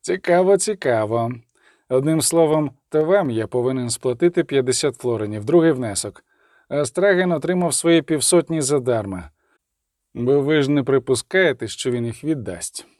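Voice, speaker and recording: A man voicing a tall, smug half-elf dealer who speaks in a smooth, mocking way. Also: medium pitch, lively intonation, moderate pace, darkish tone, no echo, studio quality, natural voice.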